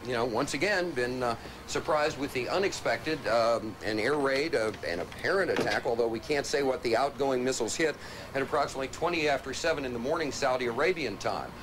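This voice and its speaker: A man working as a TV correspondent, giving a live breaking-news report in a halting, hesitant way, searching for words. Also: medium pitch. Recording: loud noisy outdoor live location sound. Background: loud ambient noise, air raid sirens.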